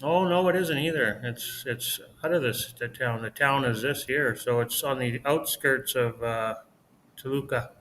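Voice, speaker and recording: A man co-hosting a casual livestream chat from his home, talkative and quick to laugh. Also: mid-range voice, fairly bright tone, a little hiss or hum. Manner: chatty, laughs often. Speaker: livestream co-host. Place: home in Mexico.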